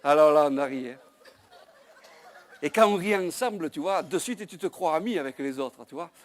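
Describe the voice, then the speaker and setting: A man's voice: fairly high pitch, lively intonation, moderate pace. A male comedian telling a rambling comic story on a small theater stage, chatty, with frequent asides and crude exclamations. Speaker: stand-up comedian.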